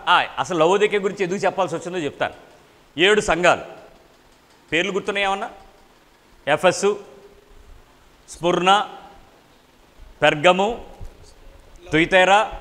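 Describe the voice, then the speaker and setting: High-voiced emphatic preacher in an echoing hall. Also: male voice, pushed and bright. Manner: emphatic, asks the congregation repeated questions. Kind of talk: sermon. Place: church meeting hall. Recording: long hall reverb.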